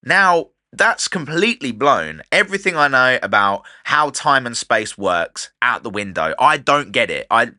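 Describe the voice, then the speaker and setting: A man of thirty hosting his own podcast in a casual, animated way, fast-talking and wired on coffee. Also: medium pitch, no echo, studio quality. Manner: chatty, animated, swears casually. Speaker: podcast host and DJ. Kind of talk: casual solo podcast monologue.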